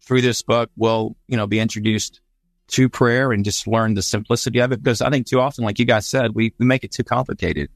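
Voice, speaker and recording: A man with a medium-pitched, slightly fast voice, vocal fry, and fairly even intonation conducts an interview with no room sound. He chats informally and appreciatively, making comments and asking questions.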